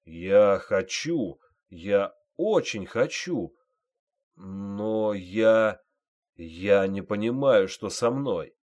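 A man voicing a frightened, drugged young male private who gives loud, strained replies, in an audiobook reading. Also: fairly low pitch, expressive, extremely slow. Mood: faltering.

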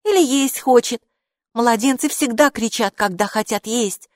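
A woman's voice: a little high, a little slow, darkish tone, no echo, clean studio sound, pitched above the performer's own voice, lightly acted. A woman doing a bossy, mocking girl. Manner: snapping, mocking. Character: bossy, sharp-tongued young girl. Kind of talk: audiobook character voice.

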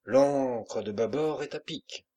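Man reading stubborn ship's boatswain, dogged, insistent, husky low voice, audiobook. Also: unhurried, a little mellow.

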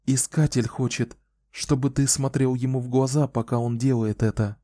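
A man's voice: medium pitch, moderate pace, dry recording, lightly acted. A man reading an audiobook voices a composed young woman who speaks evenly and holds back her feelings. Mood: calm. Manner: even, restrained delivery.

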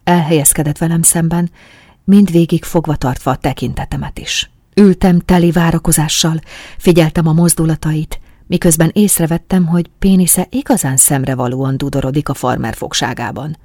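A woman reading a first-person story aloud as an audiobook, in a calm, soft, intimate manner. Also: low-pitched, no room sound, studio quality. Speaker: audiobook narrator. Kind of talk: first-person scripted narration of an erotic story.

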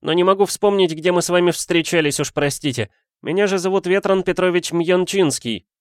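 A man's voice: sits high, fairly quick, no room sound, studio quality, voice pushed up, lightly acted. A man voicing a young, haughty student poet of noble birth who squeals with indignation. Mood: puzzled.

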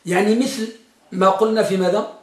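A man's voice: sits high, steady tone, a little fast, roomy sound. A man teaching Arabic grammar. He quizzes his students and stretches out words to drive a point home. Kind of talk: Arabic grammar lesson with question-and-answer drill.

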